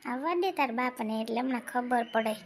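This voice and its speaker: A woman's voice: on the high side, a little fast, a little hiss or hum, close to an everyday voice. A woman with a Kathiawadi Gujarati accent playing a quarrelsome older village mother in a family comedy skit, scolding and complaining and repeating herself.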